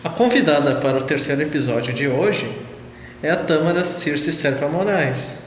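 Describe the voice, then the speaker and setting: A man's voice: a little high, animated, normal speed. Young male podcast host, echoey sound. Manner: hesitant questions with fillers. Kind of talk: casual podcast hosting. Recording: echoey long-reverb lo-fi room with faint music.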